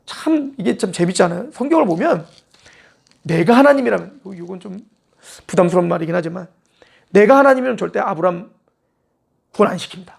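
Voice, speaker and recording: A man's voice: sits high, lively intonation, fairly quick, vocal fry, pauses often, breathy edge. A male pastor preaching a sermon in a church in a conversational style. He mixes casual and polite speech and acts out quoted lines.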